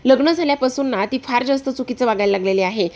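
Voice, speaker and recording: A woman's voice: fairly high pitch, fast talker, darkish tone, natural voice. A woman voicing a young married elder sister who scolds and pleads in a retold serial story, in her own voice. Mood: troubled. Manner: lecturing, pleading.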